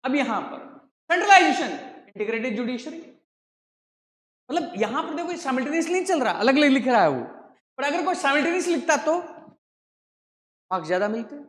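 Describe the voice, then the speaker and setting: A man's voice: extremely high pitch, very animated, brisk, long pauses, fairly bright tone. A man teaching a class, constantly quizzing students with rhetorical questions, recorded in a large classroom. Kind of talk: classroom lecture. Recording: echoey hall with long reverb.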